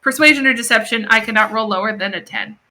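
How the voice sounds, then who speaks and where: A woman's voice: a little high, quick pace, background noise. A woman playing a tabletop game, exclamatory and playful. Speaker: player. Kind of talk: tabletop role-play chat.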